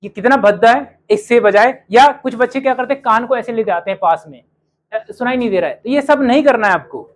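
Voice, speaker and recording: A man acting as an English teacher, talking to his students. He says English sample sentences slowly and clearly and keeps asking them questions. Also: very high voice, low-quality recording. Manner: asks students rhetorical questions. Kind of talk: classroom-style spoken English lesson.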